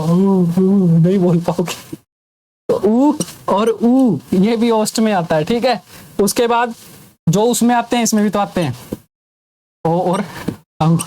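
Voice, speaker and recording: A man's voice: very high voice, a little mellow. Playful man drilling a grammar class. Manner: drills students with repeated sounds and call-and-response questions; jokey teasing asides. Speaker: teacher.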